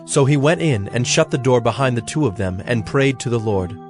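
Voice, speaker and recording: Guy reading bible passages, steady and even, faint music behind. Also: mid-range voice, a little fast. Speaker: scripture reader. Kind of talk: scripted scripture narration.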